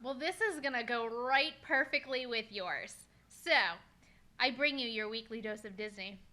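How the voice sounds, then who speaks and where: Bright-voiced woman chatting casually. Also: a little high, moderate pace. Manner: chatty, swears, many fillers. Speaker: podcast co-host. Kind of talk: casual chat.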